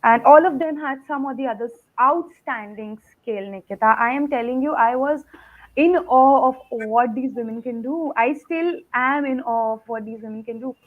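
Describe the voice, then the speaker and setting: A woman's voice: high-pitched, normal speed. Woman on a tinny, glitchy call. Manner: earnest, emphatic, repeats "absolutely". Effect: tinny, phone-like sound over a bad video call connection. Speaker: guest, foundation founder. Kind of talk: video call interview. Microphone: video call. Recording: tinny, lo-fi video call line.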